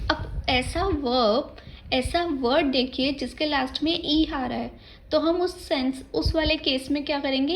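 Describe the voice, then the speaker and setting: A woman's voice: sits high, poor audio. A woman with an Indian accent teaching an exam-prep grammar lesson, explaining each rule step by step and spelling words out letter by letter. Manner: mixes English terms into Hindi speech.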